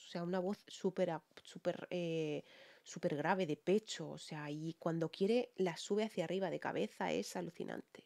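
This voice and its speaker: A woman with a Peninsular Spanish accent, a singer giving excited music reaction commentary to her viewers, often repeating words for emphasis. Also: fairly low pitch, creaky. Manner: talks to viewers with frequent tag questions.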